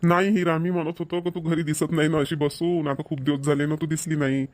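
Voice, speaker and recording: In a cartoon, a man voices a grumpy middle-aged village husband, sarcastic and full of muttered asides, with a wry mood. His natural voice is on the high side, brisk and level in tone.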